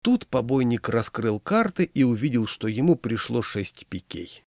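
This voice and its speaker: A man reads a humorous short story aloud with a wry, expressive delivery. His pitch moves lively over a middle voice, recorded dry and close to the mic. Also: normal speed, no room sound. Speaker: narrator.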